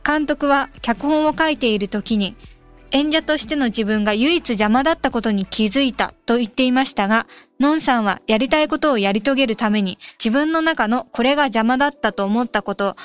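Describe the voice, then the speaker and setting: Relaxed, musing woman radio host. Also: a little high, brisk, clear, resonant tone. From Kansai, Japan. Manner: relaxed, musing, thinks aloud. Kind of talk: casual radio talk reading listener mail. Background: soft background music.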